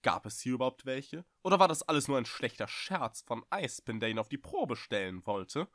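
Male storyteller, expressive, dry close mic. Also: medium pitch, moderate pace, dry recording. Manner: expressive, vivid. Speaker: audiobook reader. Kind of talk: dramatic storybook reading.

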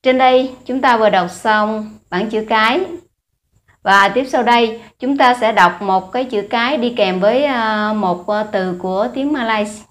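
A woman with a Vietnamese accent teaching a language lesson, reading letters and words aloud one by one in a deliberate manner with hesitant fillers. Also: a little high.

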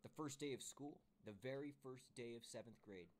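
A man reading a children's book aloud to his kids with expressive storytelling. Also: medium pitch, moderate pace.

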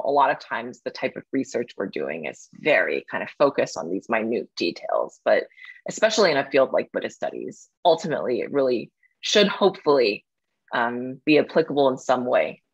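Woman, interview host, very low voice, thoughtful and hedging, dull lo-fi recording. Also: husky. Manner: thoughtful, hedging with frequent fillers. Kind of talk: conversational interview.

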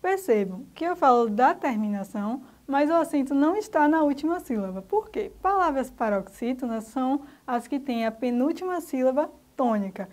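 A Brazilian woman with a high voice teaches a recorded lesson for young pupils. She goes patiently through each example, step by step. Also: lively intonation, moderate pace, hardly any pauses, a little mellow. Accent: Brazilian Portuguese. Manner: patient, explaining step by step to children. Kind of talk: recorded remote school lesson.

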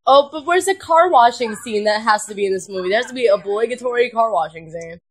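A woman's voice: a little high, animated, fast. A young woman at a sleepover, chatting casually while watching a movie, laughing often and swearing freely. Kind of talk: casual chat. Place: home at a sleepover.

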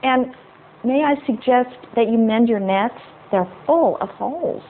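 A sarcastic enchanted groundhog with a high, brassy voice that leaps up when she is exasperated, as a woman puts her on. She scolds with no-nonsense impatience. The sound is thin and tinny, like a phone line. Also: unhurried, a little hiss or hum. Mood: practical.

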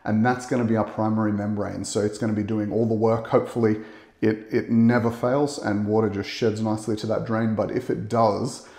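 Tradesman type, 30s, easygoing explainer, lowish voice, roomy echo from a bare bathroom. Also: a little fast. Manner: relaxed, explanatory, with fillers. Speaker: waterproofing expert. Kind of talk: on-site walkthrough explanation. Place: bathroom under renovation, indoors. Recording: echoey small tiled room.

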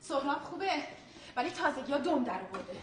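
Suspicious, accusing wife. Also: female voice, sits high, big pitch swings, slight background noise. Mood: complaining. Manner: accusing, insistent. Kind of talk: stage comedy acting. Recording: distant echoey stage recording.

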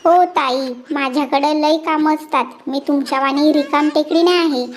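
A performer voicing a cheeky, sarcastic village housewife in a cartoon, with a high pitch-shifted voice. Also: female voice, steady tone, moderate pace, a little hiss or hum. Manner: mocking, sarcastic retorts.

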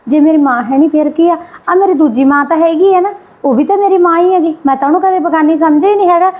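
A patient, pleading young mother, played by a woman, soothing and placating in a high, quick voice. The recording is slightly dull and muffled. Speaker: visiting daughter and mother.

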